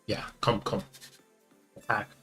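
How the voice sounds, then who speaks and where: A young man giving live commentary on his card game, muttering one moment and yelling taunts the next, repeating his hype lines. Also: takes it slowly, soft background music. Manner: hype, repeats taunting phrases, swings from quiet muttering to shouting. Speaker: gaming channel host. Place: home gaming setup with monitor.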